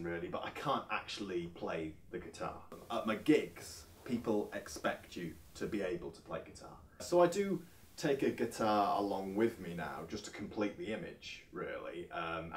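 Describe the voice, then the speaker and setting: An actor playing an earnest, clueless male folk singer who rambles and hesitates through a mockumentary interview. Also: sits low. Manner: rambling, hesitant, full of filler sounds. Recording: roomy, distant sound.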